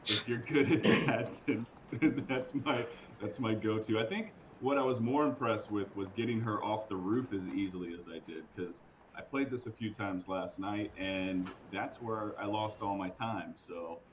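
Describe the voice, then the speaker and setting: A man from the United States jokes and brags about his game run in a casual chat. His voice sits low, and a faint background hum runs behind him. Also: moderate pace, highs cut off. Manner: joking, boastful, slightly out of breath. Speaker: competitor. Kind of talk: casual interview.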